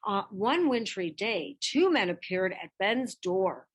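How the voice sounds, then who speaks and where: Her voice mid-range and slightly rough, a woman reads a picture-book biography aloud from a script. She narrates expressively, emphasizing points deliberately.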